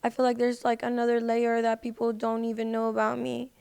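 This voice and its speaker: She's a singer and social media personality guesting on a podcast, keeping the chat loose and informal with plenty of "like" and "you know." Her fairly high voice stays monotone at a fairly quick pace, creaky yet smooth and a little mellow.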